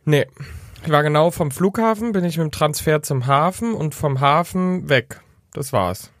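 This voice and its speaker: Playful man podcast host, slightly high voice. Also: moderate pace, a bit bright, no echo, clean studio sound. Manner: playful, joking. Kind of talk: casual chat. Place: home studio.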